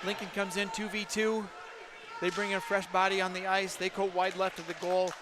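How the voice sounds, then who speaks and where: A man calling live hockey play-by-play, rapid and excited, often rising to shouts. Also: sits high, over a noisy crowd. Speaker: play-by-play commentator. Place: ice rink.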